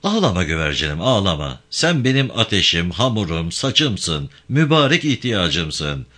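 A man's voice: deep voice, sing-song, moderate pace, bright, forceful tone, heavily acted. Yavan, a wounded, tender-hearted man, as a narrator voices him. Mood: tender soothing. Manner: soothing, florid and tender. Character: wounded hardy man, tender and poetic toward his wife.

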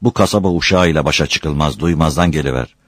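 A man voicing a weary young porter who talks in a calm, soothing way. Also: very deep voice, quick pace, no echo, clean studio sound. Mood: placating.

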